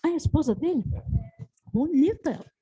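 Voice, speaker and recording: A woman with a high, mellow voice leads a workshop, talking through a case in an explanatory, anecdotal way. She often quotes what she and her client said during the session. She sounds middle-aged. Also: animated, a little fast, low-quality recording. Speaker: family constellation facilitator. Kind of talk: workshop teaching, recounting a session.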